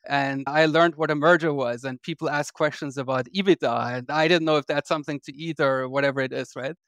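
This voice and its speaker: A man from Austria, an investor guest on a podcast, explaining in a measured way. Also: fairly high pitch, steady tone, a bit bright, clear, resonant tone, no room sound. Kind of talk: podcast interview.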